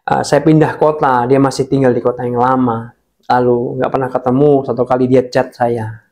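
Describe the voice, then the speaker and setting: A man preaching a casual sermon, telling a story in an animated way and talking straight to his viewers. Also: medium pitch, normal speed.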